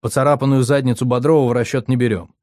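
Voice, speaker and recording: A man voicing a calm, wry young man. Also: mid-range voice, no room sound, studio quality, lightly acted. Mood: calm reasoning. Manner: measured, sardonic.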